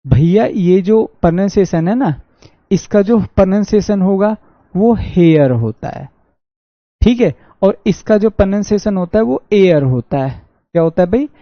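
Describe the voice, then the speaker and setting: A man's voice: high-pitched, no echo. Haryanvi man teaching English online. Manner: reads English sentences slowly, asks and answers his own questions. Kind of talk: online exam-prep class. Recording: dull dry lo-fi audio.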